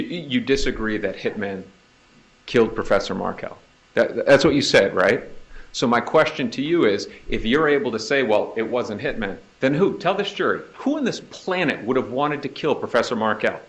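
A man's voice: medium pitch, lively intonation, normal speed, rough recording. A man with a Boston accent cross-examining a witness in a courtroom, pressing her with leading questions that end in "right?". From Northeastern US. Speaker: prosecutor.

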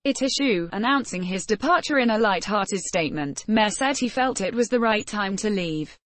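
A woman's voice: medium pitch, lively intonation, moderate pace, dry recording. A woman narrating a scripted news article, reading it aloud.

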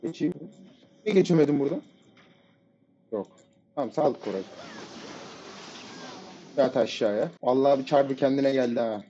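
A man giving live gameplay commentary, excitable and shouting at teammates and enemies in sudden bursts. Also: mid-range voice, moderate pace, pauses often, slight background noise. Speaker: gamer playing a ranked match. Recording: dull lo-fi mic audio.

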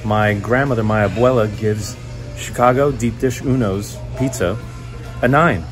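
A man's voice: on the low side, unhurried. Chatty man reviewing food, music behind. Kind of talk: casual food review vlog. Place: restaurant booth indoors.

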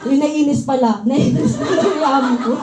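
A woman with a Filipino accent giving a church testimony, telling her story in a lively way with frequent laughter. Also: sits high, normal speed, echoey room, over a noisy crowd, heavy background noise. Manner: lively storytelling, laughing often, acting out quoted voices. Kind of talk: sermon with personal testimony.

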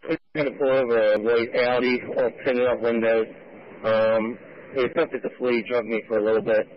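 A male police officer calling in a car pursuit over a police radio, in clipped, halting reports with many fillers. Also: medium pitch, level tone, a little hiss or hum. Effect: police radio transmission. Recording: muffled dry radio audio.

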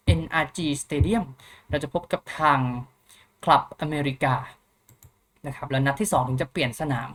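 A man's voice: on the high side, moderate pace, fairly bright tone. A young man hosting a football news channel, chatting casually through the latest updates with many polite filler particles and thinking aloud.

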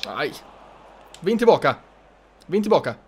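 Excitable Swedish gamer commentating his match. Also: a little high. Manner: commentates his own play, shouts at players, bursts of excitement. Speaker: gaming youtuber. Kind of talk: excited play-by-play of a football video game.

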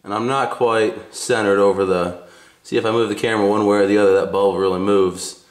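This man's voice sits fairly low, with fairly even intonation and a slightly quick pace. He wanders through a relaxed tool demo in his concrete-floored home garage, filming handheld, full of fillers and self-corrections. The recording is echoey with faint noise behind him.

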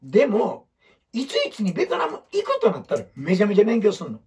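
His voice is high with a darkish tone, the pitch swooping wildly at a fairly quick pace. This Osaka Kansai-accented photographer gives casual life advice using a whiteboard, blunt and rambling, performing quotes in different voices.

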